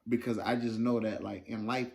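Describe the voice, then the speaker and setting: A man's voice: mid-range voice, level tone, moderate pace, vocal fry. A man, chatting as a show co-host. He talks earnestly and conversationally. He leans on filler phrases as he talks. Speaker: podcast co-host. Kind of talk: casual chat.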